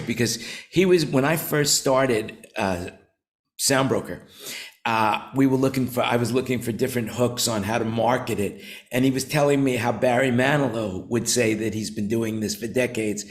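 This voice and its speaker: Older male host in his 70s, casual and rambling, lots of restarts. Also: medium pitch. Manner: rambling, repeats words, many fillers. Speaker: show host, company founder. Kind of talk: casual roundtable chat.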